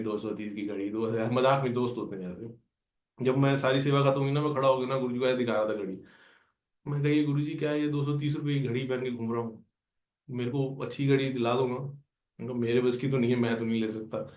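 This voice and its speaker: A man tells a story from his own life in a relaxed, chatty way and acts out the back-and-forth with his friends. His voice sits at an ordinary middle pitch. The sound carries a noticeable room echo. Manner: conversational, acts out dialogue with friends. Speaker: devotee sharing a personal experience. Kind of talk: storytelling testimony. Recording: roomy echo.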